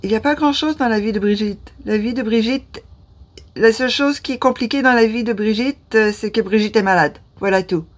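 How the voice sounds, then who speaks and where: A woman in her fifties from Ottawa with a Canadian French accent, talking to camera in a hesitant way, often losing her words and restarting. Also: mid-range voice. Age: 50s. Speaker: vlogger. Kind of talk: casual talk to camera. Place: small room indoors.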